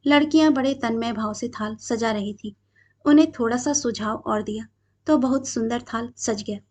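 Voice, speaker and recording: A woman narrating a short story aloud in a calm, measured reading voice. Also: on the high side.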